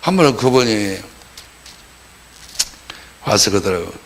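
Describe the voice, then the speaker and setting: Gravelly-voiced male pastor preaching. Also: fairly low pitch, animated, unhurried. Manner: colloquial preaching with acted-out quotes. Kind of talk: sermon.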